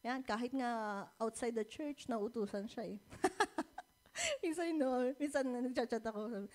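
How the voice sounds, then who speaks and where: A woman's voice: a little high, unhurried. A woman with a Filipino accent preaching a church sermon, mixing Tagalog and English, often asking the congregation "di ba?" and laughing between points. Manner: animated, often asks the congregation "di ba?".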